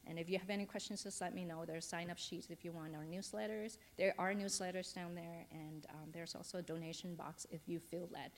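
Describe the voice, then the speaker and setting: A woman from a charity speaking to a church congregation, inviting volunteers in a gentle, hesitant way with many pauses. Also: fairly low pitch, fairly even intonation. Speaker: charity representative. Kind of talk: church announcement and appeal. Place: church hall.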